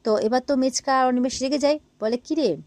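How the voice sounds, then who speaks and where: Woman, casual serial-recap narrator, fairly high voice, dry close sound; acts out lines. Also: steady tone, fast talker, darkish tone, no echo. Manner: briefly acts out characters' lines in shifted voices.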